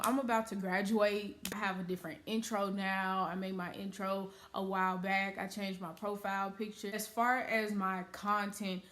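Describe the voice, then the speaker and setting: A woman in her early twenties talking casually to her viewers in a vlog, saying "like" often. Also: mid-range voice. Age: early 20s. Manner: chatty, uses "y'all" and "like" often. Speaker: YouTuber.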